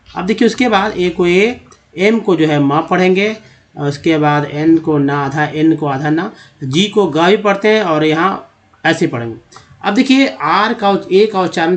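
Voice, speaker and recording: With a slightly high voice, a man teaches the pronunciation of English letters, slowly repeating each sound and addressing his viewers as his friends.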